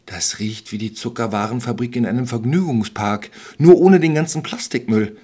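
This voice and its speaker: Skeptical fairy-tale boy, dry sarcasm, husky, read by a man. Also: medium pitch, moderate pace, warm tone, close to an everyday voice. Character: skeptical young boy Hänsel.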